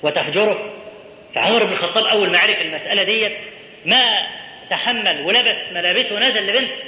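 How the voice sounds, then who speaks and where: A man's voice: sits high, quick pace. A man with an Egyptian Arabic accent giving a religious lesson, who asks questions and answers them himself and repeats his key phrases. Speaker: preacher. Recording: muffled echoey hall recording.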